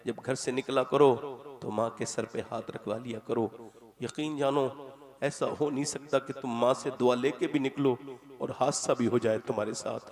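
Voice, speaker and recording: A man preaching an impassioned religious sermon, dramatic and emotional, swinging between loud exclamations and hushed appeals. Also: mid-range voice, steady tone, normal speed, a crowd in the background. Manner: addresses the audience directly.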